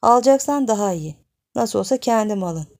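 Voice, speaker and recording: A woman narrator voices a young village wife pleading in a frantic hush, pitching her voice high and urgent. Underneath, the tone stays dark and gravelly, expressive and brisk, like a storybook reading that has turned tense.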